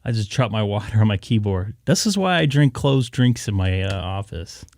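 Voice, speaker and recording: A man's voice: on the low side, lively intonation, normal speed, darkish tone, no room sound. Male radio streamer, hungover and worn out, loose rambling chat, close dry sound. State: tired and hungover, with a headache. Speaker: live-streaming ham radio operator.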